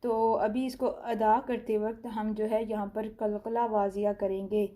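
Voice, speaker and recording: A woman with a Pakistani Urdu accent teaching tajweed step by step. She draws out letter sounds slowly, then explains them calmly. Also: medium pitch. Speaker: Quran recitation teacher. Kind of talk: slow step-by-step tajweed lesson.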